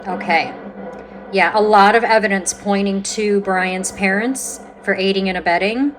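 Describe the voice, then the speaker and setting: A woman hosting a paranormal session, talking casually and conversationally, commenting and putting questions out loud, with pauses to listen. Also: medium pitch, low-quality recording. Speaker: host of a paranormal spirit box session.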